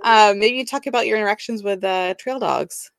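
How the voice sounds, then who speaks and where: A woman's voice: medium pitch, brisk, gravelly, clear, resonant tone. A woman hosting a podcast who interviews two hikers, often backing them up with "right, right". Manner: friendly asking, frequent "right, right". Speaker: podcast host.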